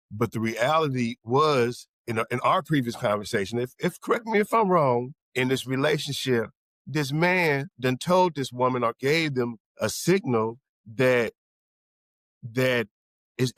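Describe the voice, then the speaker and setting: Halting man in casual podcast talk. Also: mid-range voice, a bit bright, dry recording, clean studio sound. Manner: halting, repeats words while thinking. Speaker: podcast co-host. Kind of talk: casual group discussion.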